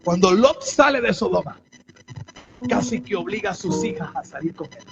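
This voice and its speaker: A man preaching a sermon as a bishop, moving between quiet storytelling and shouted, fervent preaching. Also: high voice, expressive, normal speed, gravelly. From Colombia. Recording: dull, muffled sound with loud music underneath.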